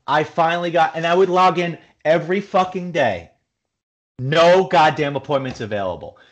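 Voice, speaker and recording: A man's voice: a little high, normal speed. A married man from New Jersey co-hosting a podcast, ranting in casual chat and swearing often. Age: adult, married. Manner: profane ranting, grows loud and heated. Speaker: podcast co-host.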